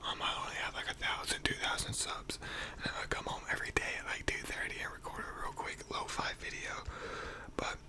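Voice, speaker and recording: An American teenager whispering a casual, rambling ASMR monologue, quiet as if late at night. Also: fairly quick. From North Carolina, United States. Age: teenager, around 16 to 18. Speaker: ASMR video creator.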